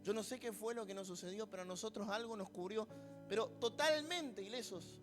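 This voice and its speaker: A man's voice: high-pitched, fairly quick, music in the background. A man preaching a sermon with a Rioplatense accent, mixing a personal story with humorous asides and acting out voices. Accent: Rioplatense Spanish. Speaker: pastor.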